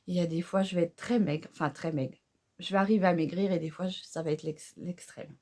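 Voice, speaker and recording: A woman's voice: mid-range voice, darkish tone. A middle-aged woman chatting candidly in a casual vlog while doing her makeup, often tagging sentences with a little "hein". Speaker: beauty vlogger.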